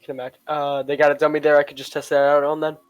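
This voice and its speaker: A man's voice: a little high, little pitch movement, rapid-fire, clear, resonant tone, no echo, highs cut off, faint music behind. A man chatting casually as a player in a tabletop game, making polite, tentative requests.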